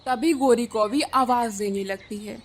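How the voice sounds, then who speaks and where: A woman reads the narration of a children's cartoon story, clear and even. Her voice sits high. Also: a little slow.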